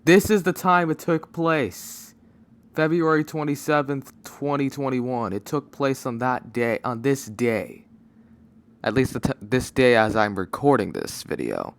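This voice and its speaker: A man with a mid-range voice makes a casual, unscripted announcement for his video channel. He rambles and halts, frequently losing his train of thought, speaking into a microphone that has no pop filter.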